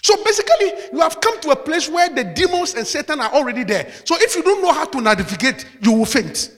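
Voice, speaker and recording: A man's voice: extremely high pitch, very animated, brisk, fairly bright tone, big-room sound. A man preaching a sermon as pastor, calling out hallelujah between points. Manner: preaching with call-outs of hallelujah.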